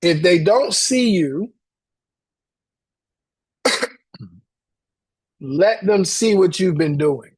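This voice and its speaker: A man hosts a motivational coaching call in an unhurried, halting way, circling back over his words and growing choked up. His voice sits high for a man. The sound is dry, with little room around it. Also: a little mellow, slightly rough, no echo. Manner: emotional, halting, repeats words, choked up reading a testimony.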